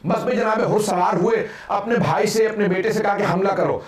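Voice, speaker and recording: Brief: male preacher, mourning sermon, high voice, dramatic telling, distant mic. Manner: dramatic storytelling with acted quotes. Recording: echoey hall, distant mic.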